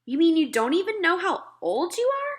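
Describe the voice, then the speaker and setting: A woman's voice: extremely high pitch, big pitch swings, normal speed, voice pushed up. A woman voicing a curious, polite young girl in a children's storybook, asking questions earnestly. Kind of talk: children's storybook read-aloud.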